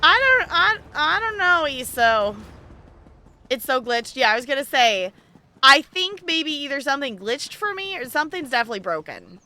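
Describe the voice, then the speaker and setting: Her high voice very animated, pushed, and bright, a woman chats casually with viewers while streaming a video game live and commenting on her play. She talks at normal speed.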